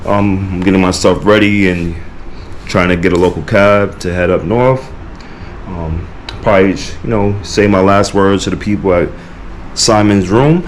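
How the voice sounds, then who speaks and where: An American man from New York, speaking in a low, slightly slow voice, chats casually to camera as a travel vlogger on a beach. His talk is loose and full of "you know" and "like" fillers, with slight background noise.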